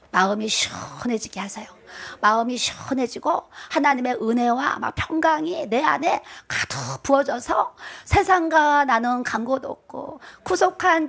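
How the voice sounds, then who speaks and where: A middle-aged woman preaching a sermon as a pastor's wife. Her voice sits high for a woman. She drives her points home with repetition and lightens them with chuckling, self-deprecating asides. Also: gravelly.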